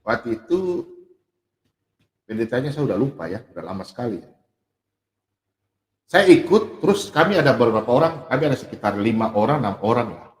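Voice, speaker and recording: Lively preaching man in an echoey hall. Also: mid-range voice, brisk, pauses often. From Sulawesi. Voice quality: animated, swings between loud emphatic and soft asides, acts out quoted voices. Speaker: pastor. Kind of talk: sermon. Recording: echoey hall with long reverb.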